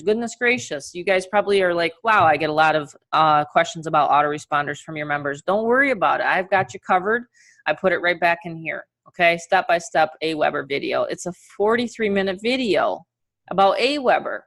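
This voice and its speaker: A woman with a New York accent coaching an online webinar in a casual, chatty, encouraging and energetic way. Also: mid-range voice. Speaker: online marketing coach and host. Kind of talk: casual webinar training and motivational talk.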